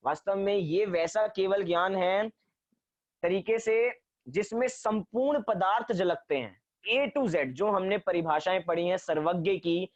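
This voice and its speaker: A man with a high voice teaches a religion class step by step, posing questions to himself and then answering them. The recording is dull and dry, with no room sound.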